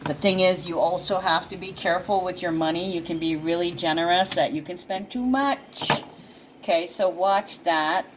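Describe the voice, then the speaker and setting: A woman's voice: on the low side, normal speed, background noise. A woman giving a casual, rambling astrology reading, full of fillers and restarts and now and then chuckling. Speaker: intuitive astrology reader. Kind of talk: casual monologue.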